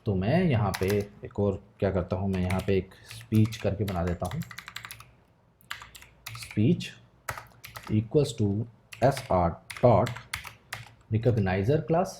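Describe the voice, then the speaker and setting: A man's voice: lowish voice, sing-song, slow, pauses often, dark tone, slight background noise. A man teaching a coding tutorial, explaining step by step and checking in with viewers often. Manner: patient step-by-step explaining, frequent check-ins. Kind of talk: screen-recorded coding tutorial.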